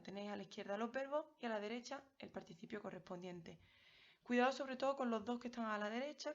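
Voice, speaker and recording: A woman walks her students through a grammar lesson, clear and patient, often checking they follow. Her voice sits at a middle pitch. The recording sounds a little dull and lo-fi. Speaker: French teacher. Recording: slightly dull lo-fi audio.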